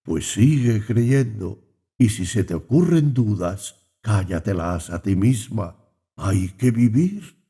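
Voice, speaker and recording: A man voicing a grieving, gentle aged village priest in an audiobook reading, slow and faltering. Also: lowish voice, lively intonation, creaky, breathy edge, exaggerated voice.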